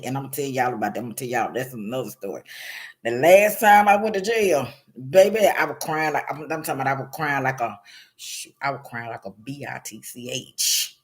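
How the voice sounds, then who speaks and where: A man talking casually to his viewers, telling personal stories in loose slang and laughing often. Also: medium pitch. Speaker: vlogger. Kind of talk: casual storytelling monologue to viewers.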